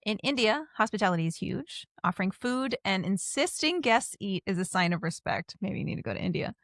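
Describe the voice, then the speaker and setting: A woman co-hosting a podcast in casual chat, talkative and quick to laugh. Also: mid-range voice, expressive, dry recording, clean studio sound. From United States. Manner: chatty, laughs often, mimics voices. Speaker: podcast co-host.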